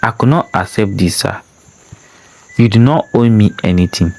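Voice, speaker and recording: A poor, worn-down village woman who speaks tiredly and quietly, as a man voices her in a low voice. She is a figure in a storybook reading. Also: moderate pace, creaky. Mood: weary.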